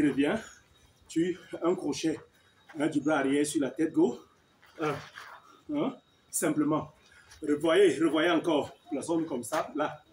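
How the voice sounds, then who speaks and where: High-voiced man coaching combat drills. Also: darkish tone. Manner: coaching a partner aloud, counting moves, frequent "hein?". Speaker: martial arts instructor. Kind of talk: combat technique demonstration. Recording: echoey room with faint noise.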